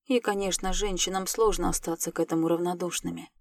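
A woman's voice: fairly low pitch, steady tone, fast, dry recording, studio quality. Woman narrating a fantasy audiobook. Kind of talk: scripted first-person narration.

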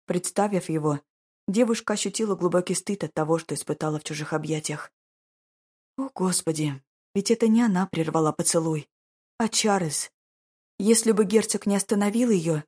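Low, husky woman narrating an audiobook. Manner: slow, measured, expressive.

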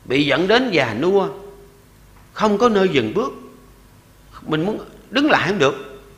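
A man in his sixties, a Buddhist monk with a Southern Vietnamese accent, giving a sermon. He jokes and chuckles often, and slows down to recite verses and repeated chants. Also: high voice, reverberant, in a large hall. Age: 60s. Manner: lively and joking, often chuckling.

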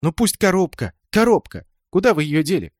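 A man voicing an angry, tearful young girl who shouts and accuses. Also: on the high side, a little fast, no room sound, studio quality, voice pushed up, close to an everyday voice. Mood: furious.

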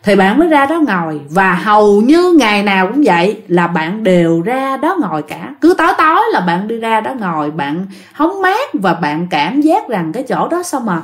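A woman's voice: mid-range voice, very animated, moderate pace, few pauses. Chatty woman storyteller. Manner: chatty, addresses listeners, many fillers. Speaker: ghost story narrator. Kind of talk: casual storytelling to listeners.

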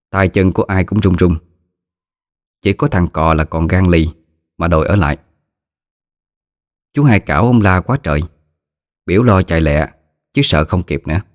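A man narrating a story in a measured, dramatic way. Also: low voice, no room sound, clean studio sound.

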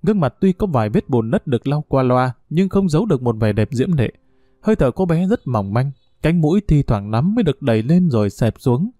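A man's voice: medium pitch, sing-song, fairly quick, mellow, no room sound, studio quality. Man reading an audiobook story. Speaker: narrator.

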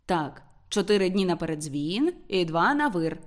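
A woman's voice: lowish voice, very animated, normal speed. A woman reading the lines of an earnest young working-class man in an audiobook, plain and matter-of-fact.

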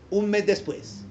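A man's voice: high-pitched, a little mellow, lo-fi sound, a little hiss or hum. A man preaching a sermon as pastor, emphatic, with rhetorical questions, chuckling asides and colloquial address to his listeners.

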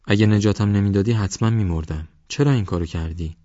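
A man's voice: lowish voice, mellow, dry recording, dull audio, lightly acted. A man voicing a curious, anxious young man. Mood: pressing questions. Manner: questioning, pressing.

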